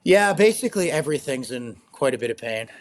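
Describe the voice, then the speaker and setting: A young man with a slightly raspy voice, talking casually as an interview guest, rambling with lots of fillers and frequent laughs. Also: medium pitch, sing-song, brisk. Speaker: guest, ultrarunner.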